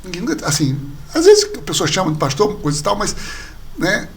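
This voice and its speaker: A man, a pastor and podcast guest, telling a personal story in casual conversation, lively and acting out the people he quotes. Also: high-pitched, fairly quick. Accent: Brazilian Portuguese. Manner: animated storyteller, acts out quoted dialogue.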